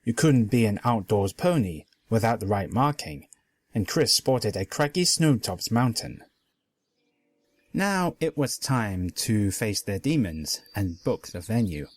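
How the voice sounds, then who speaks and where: A man narrating a pony fanfic story as a dramatic reading, expressive throughout. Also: on the low side, measured pace, no room sound.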